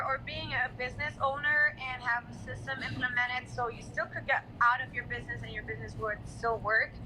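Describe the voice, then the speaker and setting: A higher-voiced woman from Brazil chats casually into her phone on a live stream, leaning on "guys" and "like" as she rambles through questions. Traffic and street noise can be heard clearly behind her, and a steady hiss runs under the voice. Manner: filler-heavy, repeats "guys" and "like". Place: apartment in a hot humid city.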